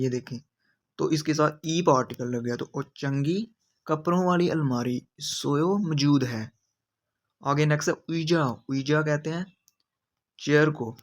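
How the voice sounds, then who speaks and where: A man explains grammar patiently, going over each example sentence again and again. His voice sits a little higher than most men's. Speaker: language teacher. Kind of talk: explaining grammar in a video lesson.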